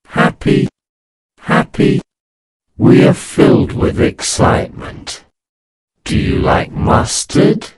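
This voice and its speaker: A man voicing a mocking lodge council in a slow, unvoiced whisper. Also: very noisy, lightly acted. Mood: taunting.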